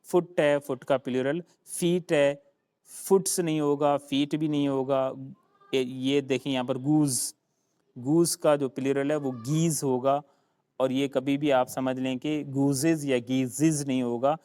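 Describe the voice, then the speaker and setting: Slow, clear-voiced male teacher. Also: mid-range voice, fairly even intonation, warm tone, no echo, clean studio sound. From Sindh, Pakistan. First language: Sindhi. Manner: spells words out slowly and repeats them, calls listeners "beta". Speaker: English teacher. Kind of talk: classroom grammar lecture.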